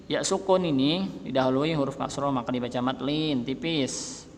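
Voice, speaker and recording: A man teaching Quran recitation rules, explaining patiently and chanting the verses slowly and melodically. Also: medium pitch, big-room sound, slight background noise. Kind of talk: tajwid lesson with chanted recitation.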